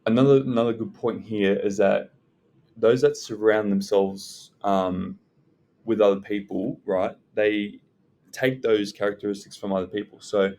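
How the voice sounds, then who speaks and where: A man giving unscripted self-development advice as a content creator, speaking in a hesitant, halting way with pauses. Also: lowish voice, steady tone, dark tone. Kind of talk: unscripted advice talk to viewers. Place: indoors in a library.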